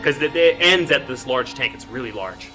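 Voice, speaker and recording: A man's voice: mid-range voice, animated, normal speed, pushed and bright, faint music behind, poor audio. A man acting as game master, casually improvising narration and rulings for a tabletop game. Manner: casual, conversational.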